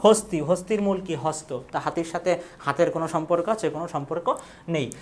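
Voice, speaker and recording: A woman's voice: on the low side, brisk. A young woman teaching an exam prep lecture, asking questions and answering them herself. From Bangladesh.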